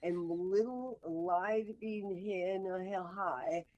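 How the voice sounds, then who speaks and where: Older Boston woman, lively storyteller. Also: fairly low pitch, slow, highs cut off. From Boston, USA. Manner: laughs often, acts out both sides of conversations. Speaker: interview guest. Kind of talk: animated anecdote telling.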